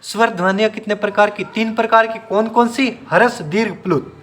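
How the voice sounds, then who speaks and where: Man, high voice, teacher, question-and-answer drilling, stretched demo sounds. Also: a little fast, fairly bright tone. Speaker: Hindi teacher for exam students. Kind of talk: classroom-style video lesson.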